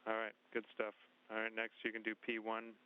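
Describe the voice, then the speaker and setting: A man guiding astronauts through a spacewalk task, giving calm, measured directions over a space-to-ground radio link. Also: fairly low pitch, clear, resonant tone, dry recording, narrow, tinny audio. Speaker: ground controller talking to spacewalkers. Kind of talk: procedural radio instructions.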